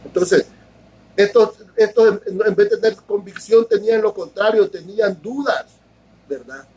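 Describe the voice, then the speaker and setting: A male pastor delivering a sermon in a high, husky voice. He explains patiently, stumbles and repeats words, and often turns to his listeners to ask if they follow him. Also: a little mellow, low-quality recording. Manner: explains slowly, repeats words and keeps asking ¿verdad?.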